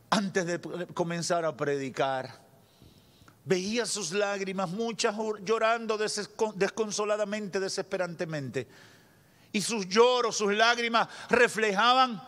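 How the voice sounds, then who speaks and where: With a high voice and a Dominican Spanish accent, this pastor from the Dominican Republic, a man in his thirties, preaches passionately into a handheld pulpit mic. His delivery alternates between booming proclamations and quiet, unhurried passages.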